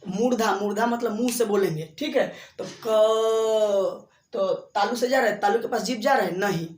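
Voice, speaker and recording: A man teaching a school exam lesson at a board, explaining slowly and repeating himself, drawing out single sounds to demonstrate them. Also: high-pitched. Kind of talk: blackboard lesson for school exams. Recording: echoey room, voice far from the mic.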